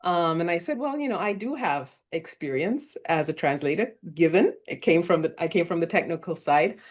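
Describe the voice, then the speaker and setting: A woman with a slightly low voice, raised in Kenya, speaks on a video call during an online panel. She talks thoughtfully, pausing and restarting as she searches for her words. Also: expressive. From Sierra Leone and Uganda, raised in Kenya. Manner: thoughtful, hesitant, many fillers and restarts. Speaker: literary translator, panelist.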